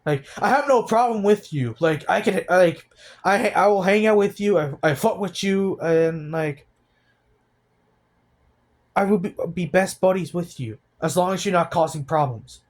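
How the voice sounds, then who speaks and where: In a personal vlog, a young vlogger aged eighteen talks with a fairly high voice. He sounds heavy and hesitant, frequently restarting what he's saying.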